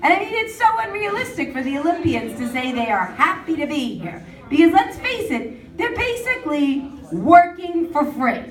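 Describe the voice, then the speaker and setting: A woman doing a stand-up comedy set at an open mic in a pub, animated and mocking as she talks. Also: sits high, moderate pace. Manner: animated, mocking voices of others. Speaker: stand-up comic. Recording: roomy pub sound from far off.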